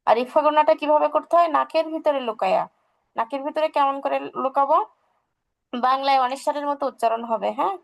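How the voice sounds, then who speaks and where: High, gravelly female tajweed teacher. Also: low-quality recording. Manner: patient, asks questions and answers them herself. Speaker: Quran recitation teacher. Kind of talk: online tajweed lesson.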